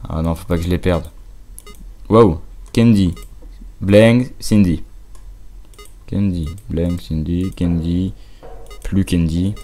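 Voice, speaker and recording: A young man giving casual, halting let's play commentary, muttering to himself as he plays. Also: sits low, a little mellow. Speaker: gamer commenting on own play.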